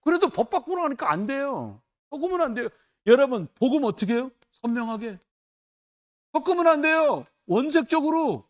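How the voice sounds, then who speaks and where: A man's voice: very high-pitched, normal speed. A man preaching a sermon in church, telling stories in a loose, conversational way and acting out the people he quotes. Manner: animated, colloquial storytelling with acted quotes. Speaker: pastor.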